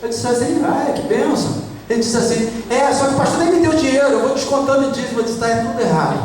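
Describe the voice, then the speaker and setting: High-voiced Brazilian pastor in echoey hall. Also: male voice, fast, darkish tone. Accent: Brazilian Portuguese. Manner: emphatic preaching, repeats key points, questions the congregation. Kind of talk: sermon. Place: church hall. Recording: echoey church hall from far off.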